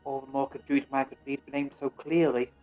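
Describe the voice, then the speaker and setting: A man playing a tabletop game, speaking in character with formal, measured phrasing. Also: mid-range voice, fairly even intonation, phone-quality sound, soft background music. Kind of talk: in-character role-play.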